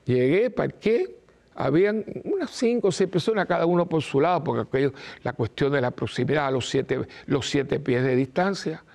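Gravelly priest preaching. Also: male voice, a little high, normal speed, a little mellow. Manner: emphatic, repeats short no's, acts out quoted voices. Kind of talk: informal preaching talk.

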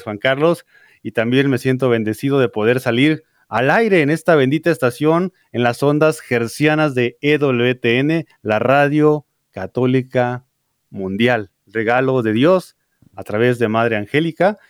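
A man's voice: medium pitch, clean tone, no echo. Playful effusive radio guest guy, mid voice, dry sound. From Mexico. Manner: effusive, playful, sing-song asides. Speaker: regular radio contributor.

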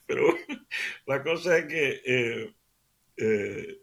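Gravelly man telling a radio anecdote. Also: mid-range voice, lively intonation, slow pace. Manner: chatty anecdotal, addresses listeners warmly as family. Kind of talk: casual radio storytelling.

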